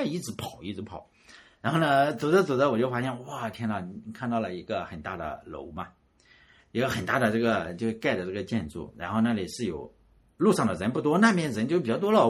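A man from rural Shandong telling a personal story in a casual, animated way. He often repeats words and chuckles at himself. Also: mid-range voice, breathy edge. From Shandong, rural China.

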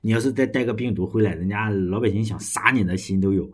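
His voice is on the low side and quick. He's a young Chinese podcast host delivering a long, casual solo monologue, rambling with frequent restarts and the occasional curse.

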